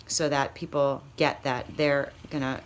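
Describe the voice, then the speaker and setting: Her voice is very deep and fairly flat in pitch, delivered at a measured pace over a slight hiss or hum. She gives an informal training talk with acted sample pitches, coaching new consultants in a chatty, candid, encouraging and emphatic style.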